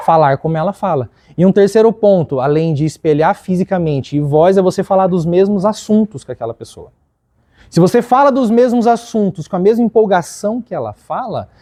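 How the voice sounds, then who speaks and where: A man with a Brazilian Portuguese accent giving a workplace leadership training, acting out examples in a lively way. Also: high voice.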